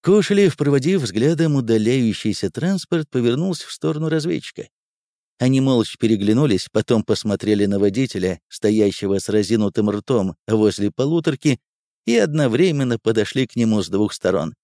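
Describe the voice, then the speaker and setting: Lively male audiobook narrator. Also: medium pitch, brisk, dry recording, clean studio sound.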